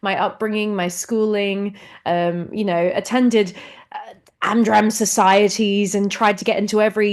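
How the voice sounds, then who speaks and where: A woman talks as a guest on a podcast, at a middling pitch. She is bubbly and expressive and laughs easily as she tells her story. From New Zealand. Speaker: actress and singer, guest. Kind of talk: casual interview chat.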